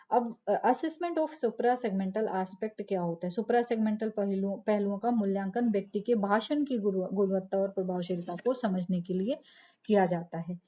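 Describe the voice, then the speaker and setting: A woman's voice: mid-range voice, dull audio. A woman teacher giving a lecture, explaining step by step, asking rhetorical questions and checking in with "ठीक है". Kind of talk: classroom lecture.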